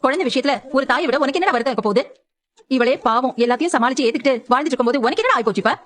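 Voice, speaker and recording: A woman's voice: high-pitched, expressive, very fast. A middle-aged woman playing a mother-in-law in a TV family drama, speaking in a scolding, motherly way. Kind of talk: TV serial acting.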